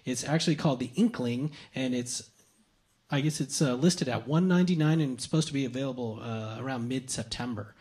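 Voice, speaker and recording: A man's voice: medium pitch, a little fast, darkish tone. A man co-hosting a casual tech news chat, explaining gadgets with lots of fillers and restarts.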